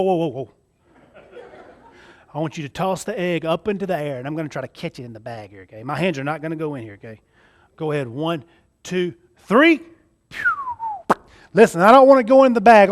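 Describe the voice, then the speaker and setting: A man with a Southern US accent doing live kids' magic show patter, showy and jokey like a party magician as he coaches a child. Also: high-pitched. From Mississippi, United States. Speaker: stage magician performing with a child volunteer.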